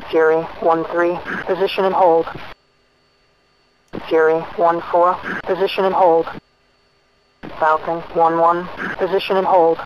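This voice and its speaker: A tower controller giving flat, measured radio calls over a helmet-style radio intercom. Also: medium pitch. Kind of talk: air traffic radio calls. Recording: muffled, noisy radio link.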